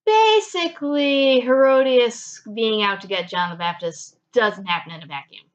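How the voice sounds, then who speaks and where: A woman co-hosting a casual film review, animated with playful asides, in a dull lo-fi recording. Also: a little high, normal speed.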